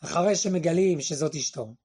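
A man giving a Torah class, who asks questions and answers them himself, and quotes verses and what figures say in a lower, quieter voice. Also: husky. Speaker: Torah teacher.

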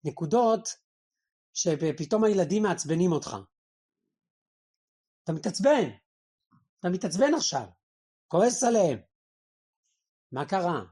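A man leads a religious study lesson in a lively, conversational way. He keeps asking his listeners questions and answering them himself, and he slips into the voices of the people he quotes. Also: high-pitched, long pauses, slightly rough. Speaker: religious teacher. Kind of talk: Torah lesson to a group.

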